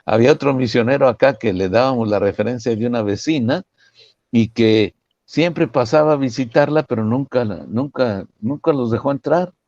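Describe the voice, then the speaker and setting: Un hombre con acento mexicano que comenta temas religiosos en una charla, contando anécdotas con muchas preguntas retóricas. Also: male voice, mid-range voice, normal speed, dry recording, highs cut off. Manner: lively, lots of rhetorical "¿no?" and "¿verdad?". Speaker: church member commenting. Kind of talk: religious discussion, storytelling.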